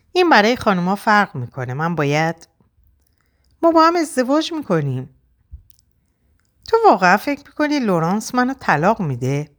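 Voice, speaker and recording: A woman's voice: medium pitch, natural voice. A woman reading the part of a young married woman torn between her husband and a lover, voiced with pleading emotion.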